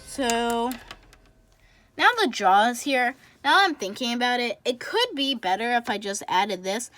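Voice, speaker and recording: Chatty woman rambling thru a drawing tutorial, bouncy pitch, soft music behind. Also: animated, measured pace, no room sound. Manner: rambling, chatty, talks while coloring; self-correcting, thinks out loud. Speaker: drawing channel host. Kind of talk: casual drawing tutorial narration.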